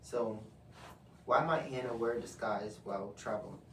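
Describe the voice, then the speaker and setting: A man's voice: fairly low pitch, normal speed, vocal fry, a bit bright. A man leading a casual student book discussion, reading out quotes and asking questions. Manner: reads out quotes, then asks questions. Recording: echoey room, far from the mic, noisy.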